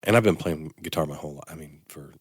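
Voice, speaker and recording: A very deep, slightly rough voice belongs to an older orthopedic surgeon talking fast on his Sunday morning radio health show. In the radio studio he chats casually, rambling and self-deprecating with a slight sniffle, recorded dry and clean.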